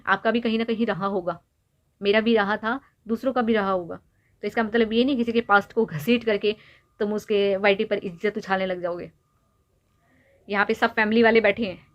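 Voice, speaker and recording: A woman's voice: mid-range voice, steady tone, a little fast, a bit bright, dull audio. A young woman vlogger lecturing and scolding someone directly to camera, repeatedly pressing her points home with rhetorical questions. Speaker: YouTube vlogger. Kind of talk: direct-to-camera opinion rant.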